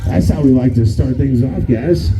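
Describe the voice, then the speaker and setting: A man's voice: medium pitch, moderate pace. A man announcing races in tractor pull style, calling out to the crowd as a track announcer. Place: outdoor dirt drag racing track. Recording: loud engine and vehicle noise. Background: engines and outdoor track ambience.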